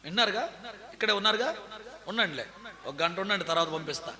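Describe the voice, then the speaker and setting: A male pastor preaches in a church hall, telling the story dramatically and asking the congregation whether they are listening. His voice sits high and sounds intensely bright. Long reverb trails his words. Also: animated, fast talker. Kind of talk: sermon. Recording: echoey hall.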